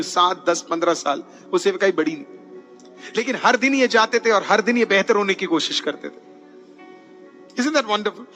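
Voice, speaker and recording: A man's voice: high voice, a bit bright. A male pastor preaching a sermon, punctuating his points with frequent hallelujahs and slipping English words into his talk. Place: church.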